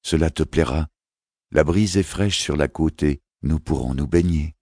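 A man voicing a queenly mother who speaks gently and reassuringly, with a fierce edge underneath. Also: extremely low pitch, a little slow, no room sound, clean studio sound, heavily acted. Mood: tender. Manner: gentle, reassuring, flaring sharply.

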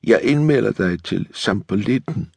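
A man's voice: lowish voice, lively intonation, gravelly, a little mellow, breathy edge, no room sound, voice pushed up, exaggerated voice. Man voicing a defiant young woman sergeant. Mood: sharp. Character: young woman tank sergeant, stubborn, sharp-tongued.

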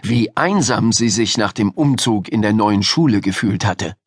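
A man narrating a children's audiobook in an expressive storytelling way. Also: lowish voice, normal speed, slightly rough, dry recording, clean studio sound.

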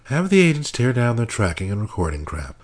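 A man's voice: mid-range voice, wildly swooping pitch, brisk, voice pushed up. A man voicing a taunting female kidnapper with a Brooklyn accent, speaking with cold contempt.

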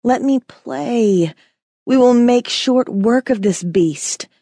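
A hungry demoness whispering inside a mind, as a woman narrator puts her on, drawn out slowly and kept soft. She coaxes with a seductive, hushed pull. The sound is dry and close. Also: on the high side, lively intonation, dry recording, voice pushed up. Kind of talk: audiobook character voice.

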